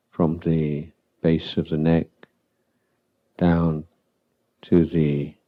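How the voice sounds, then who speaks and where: A Buddhist monk teaching meditation guides listeners in a very low, even voice, calm and unhurried. He speaks in short phrases separated by long pauses, and the recording sounds slightly dull.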